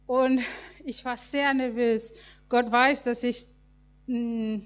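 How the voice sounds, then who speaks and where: Young woman preacher, high and unhurried, earnest sermon delivery with halting fillers. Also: fairly even intonation. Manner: earnest, halting with fillers and small grammar slips.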